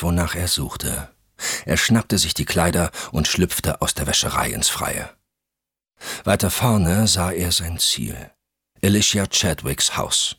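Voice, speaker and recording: A man narrating a thriller audiobook in a measured, suspenseful reading. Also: deep voice, fairly bright tone, breathy edge, dry recording, clean studio sound.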